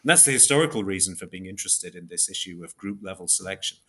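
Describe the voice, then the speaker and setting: Guesting in an interview, a man lays out ideas with precise academic deliberation, frequently restating and reworking his phrasing. The voice is low but lively in intonation, with a bright, forceful tone.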